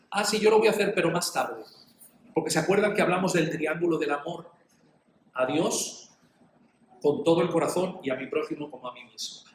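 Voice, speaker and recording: A middle-aged man preaching a sermon in an animated way, acting out short dialogues as he goes. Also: on the high side, a little hiss or hum. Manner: animated, acts out little dialogues. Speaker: pastor. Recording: echoey room.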